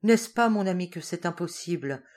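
A woman's voice: fairly low pitch, lively intonation, moderate pace, a little mellow, close to an everyday voice. A woman reading the part of an earnest eighteen-year-old girl in a storybook, pleading and sweet.

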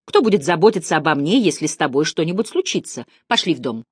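A woman reading the part of a spirited, stubborn older woman in a lively, brisk, insistent way. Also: low voice, breathy edge, dry recording, studio quality, heavily acted.

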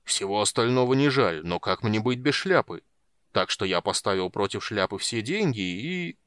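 Man reading as a sheepish gambling dwarf, rambling excuses, lively lilt, dry close sound. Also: lowish voice, normal speed, clean tone, no room sound. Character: sly gambling male dwarf, sheepish and chatty.

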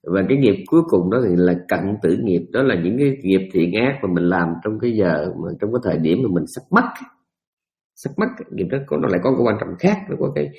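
A man's voice: fairly low pitch, big pitch swings, fast, creaky, a little mellow. A man giving a Buddhist dharma talk, teaching in a folksy storytelling manner with humorous asides.

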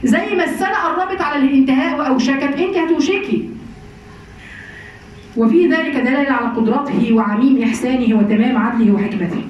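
Egyptian lady teaching scripture fast, keeps quizzing the class, mic far off. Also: sits high, highs cut off, slight background noise. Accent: Egyptian Arabic. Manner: rhetorical questions to the class. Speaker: Quran commentary teacher. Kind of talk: religious lesson to women. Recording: echoey room, distant mic.

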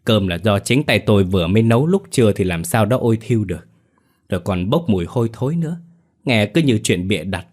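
A man's voice: fairly low pitch, animated, fast, a little mellow. A man voicing a scornful old village wife. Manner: scolding, dismissive. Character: sharp-tongued scornful older village wife.

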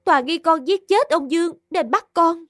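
A woman's voice: extremely high pitch, normal speed, no room sound, studio quality, faint music behind. A woman playing a polite young woman who is accused of murder and answers an official deferentially. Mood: pleading. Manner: deferential, pleading.

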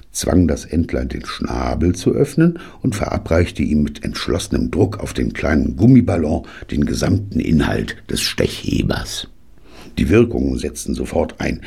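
A male audiobook narrator with an extremely low, gravelly voice and a husky edge. His reading has a wry, lively rise and fall.

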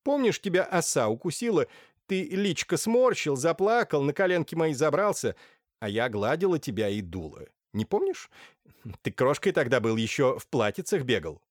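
A man's voice: fairly high pitch, big pitch swings, moderate pace, no room sound, clean studio sound, pitched above the performer's own voice. A man voicing a spiteful aging aunt in an audiobook, sugary and coddling. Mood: doting. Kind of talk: audiobook character voice.

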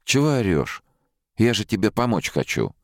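A man's voice: lowish voice, very animated, moderate pace, no room sound, studio quality, pitched above the performer's own voice. A man voicing a pushy, brash woman neighbor who haggles, in an audiobook. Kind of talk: audiobook character voice.

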